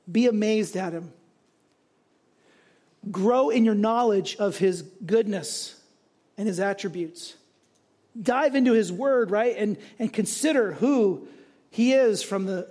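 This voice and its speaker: A man with a high, light voice preaches a sermon in church. His delivery is conversational, and he often asks his listeners a quick question to check they are following. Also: darkish tone. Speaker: pastor.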